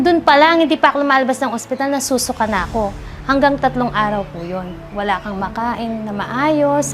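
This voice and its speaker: A woman giving a soft-spoken, earnest testimonial interview, politely answering an interviewer. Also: high voice. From Philippines. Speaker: interviewee, cancer survivor. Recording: music bed underneath.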